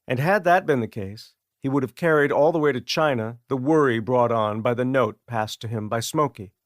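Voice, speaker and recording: A man reads an audiobook in a measured, steady way. His voice sits mid-range and sounds close and dry, as in a studio booth. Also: medium pitch, no echo. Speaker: audiobook narrator. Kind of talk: scripted narration.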